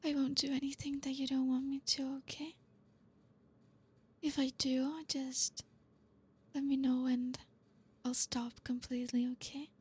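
A young woman whispering softly in an intimate ASMR roleplay, reassuring and coaxing, with frequent low hums. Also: little pitch movement, husky. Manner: soft unvoiced whispering, slow and soothing.

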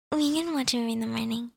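A woman playing an affectionate girlfriend, talking softly and often in a whisper, hesitant and giggly with many fillers. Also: a little high, gravelly, slightly rough, no echo, studio quality, heavily acted. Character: affectionate girlfriend welcoming partner home. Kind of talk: audio roleplay.

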